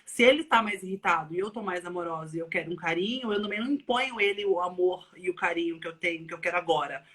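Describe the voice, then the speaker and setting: A Brazilian woman hosting a casual online chat, lively and thinking aloud as she talks. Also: fairly low pitch, quick pace. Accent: Brazilian Portuguese. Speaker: live stream host. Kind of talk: casual video-call chat.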